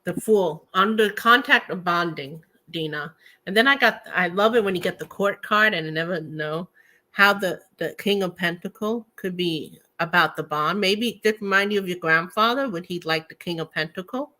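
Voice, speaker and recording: Woman host, bright forceful voice, slightly low pitch, casual rambling chat. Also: moderate pace, rough recording. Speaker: host of a tarot and spirit talk show.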